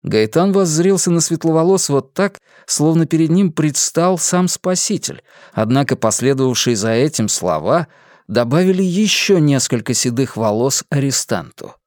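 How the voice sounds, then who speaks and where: A man narrating an audiobook in an expressive reading style. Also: on the high side, moderate pace, dry recording, clean studio sound.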